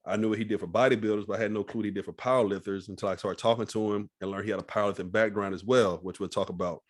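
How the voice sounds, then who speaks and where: A man's voice: fairly low pitch, steady tone, very fast. A man hosting a podcast interview, laid-back and casual, often tagging "all right?" and swearing freely. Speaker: podcast host.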